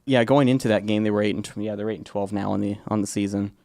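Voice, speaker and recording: A man's voice: on the low side, fairly even intonation, fast, vocal fry, a little mellow. A young man co-hosting a college sports show, chatty and rambling as he talks casually about games. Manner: chatty and rambling, restarts sentences.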